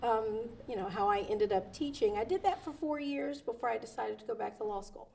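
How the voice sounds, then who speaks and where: A Delaware-raised lawyer in her forties, appearing as an interview guest and running as a judicial candidate, responds earnestly and says um and uh a lot. Her voice is on the high side, a little mellow with vocal fry, and she talks fairly quickly.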